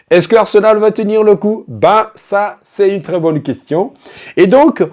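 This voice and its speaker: A man with a somewhat high voice hosts a sports betting show and plays to the camera. He throws out rhetorical questions and jumps between loud, excited bursts and quiet, knowing asides. Now and then he slips into English greetings. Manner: theatrical, swings from loud exclamations to low asides; rhetorical questions, addresses viewers directly. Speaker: host of a football betting show.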